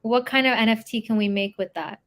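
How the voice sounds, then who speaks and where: A young adult woman co-hosting a podcast, telling stories in a lively, casual way and laughing easily. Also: fairly high pitch, brisk. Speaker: podcast co-host. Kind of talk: casual chat.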